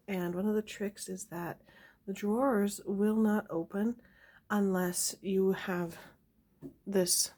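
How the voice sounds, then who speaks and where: A woman's voice: lowish voice, darkish tone. A young woman chatting casually at home, showing an item to her camera with small laughs and plenty of fillers. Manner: chatty, giggly, many fillers. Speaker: homesteading vlogger. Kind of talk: casual show-and-tell. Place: home indoors.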